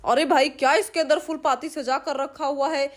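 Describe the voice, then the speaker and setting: A woman's voice: high-pitched, fairly even intonation, moderate pace, natural voice. A woman voicing a greedy male village thief who mutters his plans to himself and gloats.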